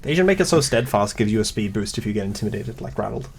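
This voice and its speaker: A man's voice: lowish voice, expressive, fast, a little hiss or hum. A man hosting a casual chat about competitive games, rambling with lots of fillers and wry asides. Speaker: podcast host.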